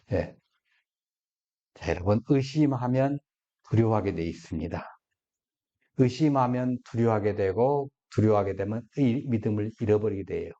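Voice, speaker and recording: A man's voice: medium pitch, warm tone, muffled recording. A man preaching a conversational sermon as a pastor, often acting out short quoted lines in shifting tones.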